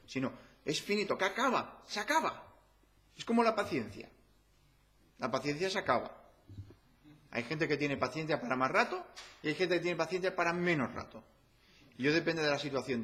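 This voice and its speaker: A man's voice: high voice, fairly bright tone. A man with a Spanish accent from Spain preaching a sermon in a church, talking to the congregation with rhetorical questions and a conversational tone.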